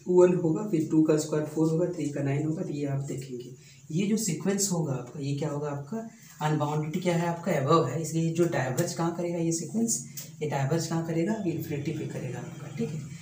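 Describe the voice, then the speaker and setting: A man's voice: on the high side, brisk, darkish tone. A man teaching a math lesson, mixing Hindi with English terms, repeating phrases and asking rhetorical questions. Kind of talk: classroom math lecture. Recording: roomy sound from far off with faint noise.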